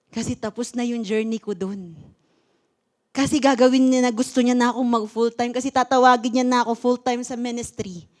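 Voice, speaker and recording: A woman pastor preaching a sermon to a congregation, telling her own story expressively and mixing Tagalog with English. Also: on the high side. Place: church service before a congregation.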